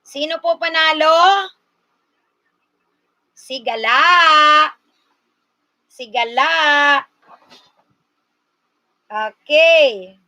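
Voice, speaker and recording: A woman from Bicol in the Philippines hosting a casual livestream, slowly coaxing her viewers and talking to them directly. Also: high voice, bright, forceful tone. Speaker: livestream host.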